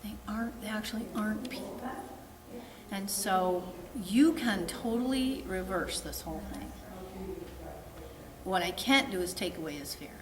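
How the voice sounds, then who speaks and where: A woman's voice: medium pitch, unhurried. A woman dog trainer coaching a client in a frank, plainspoken way. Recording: roomy, distant, noisy background.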